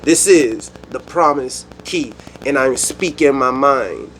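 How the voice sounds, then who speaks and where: A man from the United States hosting his own channel, speaking his mind in a rambling, animated monologue with frequent restarts. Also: medium pitch, slow, a little hiss or hum. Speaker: YouTube channel host. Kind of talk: solo opinion monologue.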